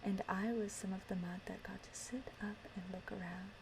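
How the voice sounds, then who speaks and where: A woman whispering softly and breathily in a gentle, deliberate ASMR style, close to the microphone. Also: mid-range voice, fairly even intonation, creaky, background noise. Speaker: ASMR performer. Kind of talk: whispered ASMR, reciting and chatting. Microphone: close microphone, ear to ear.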